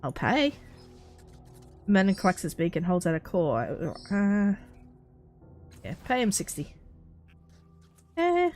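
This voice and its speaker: A woman's voice: mid-range voice, very animated, takes it slowly, pauses often, darkish tone, soft background music. A woman hosting a let's play, reading out the game's text and chatting about her choices as she plays. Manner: chatty, reacts aloud while playing. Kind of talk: reading game text aloud and commenting.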